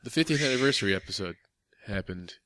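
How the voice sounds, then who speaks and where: Young male host, upbeat, keeps chat moving, lowish bright voice, dry mic. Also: animated, fast talker, no room sound. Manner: steers the talk, upbeat. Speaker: podcast host. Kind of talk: casual chat.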